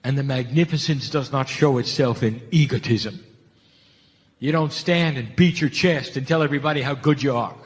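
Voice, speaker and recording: A man's voice: mid-range voice, moderate pace, big-room sound. A man giving a channeled spiritual talk, emphatic, asking rhetorical questions and repeating key phrases.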